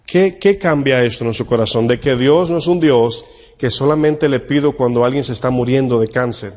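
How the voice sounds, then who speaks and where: A male pastor preaching a sermon in a conversational tone, asking the congregation questions and slowing down to read scripture. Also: mid-range voice, a little mellow. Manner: slows right down when reading scripture. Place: church hall. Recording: long church-hall reverb.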